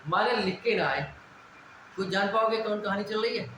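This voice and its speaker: A man's voice: high-pitched, normal speed, bright, forceful tone. A male teacher giving a classroom lecture, asking questions and answering them himself and repeating the key points. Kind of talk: classroom lecture on Hindi grammar. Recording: very echoey room with background noise.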